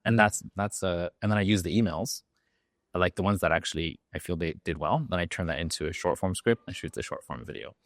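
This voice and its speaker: A Japanese man appears as a talkative guest on a podcast interview, speaking English with an American accent he learned from an acting coach. He's loose and chatty, full of fillers and restarts, with a low, fairly quick voice captured in clean studio sound without echo.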